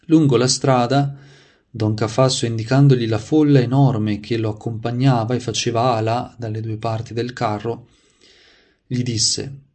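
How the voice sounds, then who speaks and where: A man's voice: mid-range voice, a little mellow. A man preaching, reading a saint's life in a devout tone and adding his own asides. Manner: devout, reads aloud with added asides and restarts.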